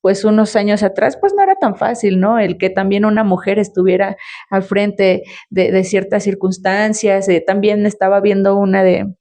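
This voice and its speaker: A woman's voice: medium pitch, normal speed, mellow. A woman hosting a podcast interview, asking respectful, somewhat hesitant questions with many fillers. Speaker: podcast host.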